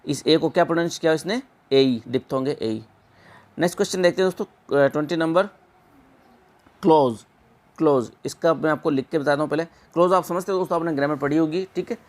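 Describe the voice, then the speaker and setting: Male tutor, a touch high-pitched, patient exam-prep lesson, slow stretched repetitions. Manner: repeats words slowly and drawn out. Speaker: teacher.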